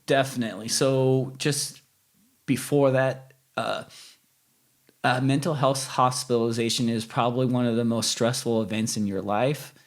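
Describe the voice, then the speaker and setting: A man's voice: medium pitch, steady tone, normal speed. A man speaking candidly and reflectively as a guest in a casual conversational interview.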